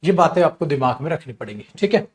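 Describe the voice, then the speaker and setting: A man's voice: fairly high pitch, sing-song, fast talker. A man teaching an online class on English usage in Hindi. He explains patiently, addresses the students fondly, and repeats wrong phrases with mock emphasis to correct them.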